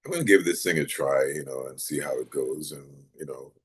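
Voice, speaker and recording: A middle-aged man from Jamaica, raised in Maryland, chatting in an interview in a relaxed, rambling way with many fillers. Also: extremely low pitch, fairly quick, husky. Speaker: actor guest. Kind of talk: casual interview chat.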